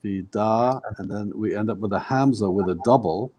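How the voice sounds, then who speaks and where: Low-voiced male student sounding out words. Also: a little fast, warm tone, breathy edge, muffled recording. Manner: curious, sounds out words carefully. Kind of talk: asking questions in a lesson.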